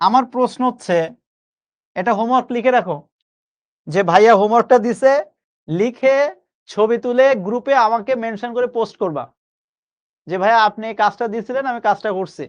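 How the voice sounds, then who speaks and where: A young man teaches a live online grammar class. He coaxes his students along and slows right down to repeat the key phrases for emphasis. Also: very high-pitched, muffled recording.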